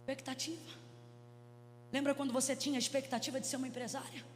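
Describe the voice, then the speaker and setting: A woman pastor with a Brazilian Portuguese accent, preaching a Pentecostal sermon into a handheld mic, swinging from hushed storytelling to shouts. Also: high-pitched, fairly even intonation, quick pace. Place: large church hall. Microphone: handheld microphone. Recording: reverberant church hall with music.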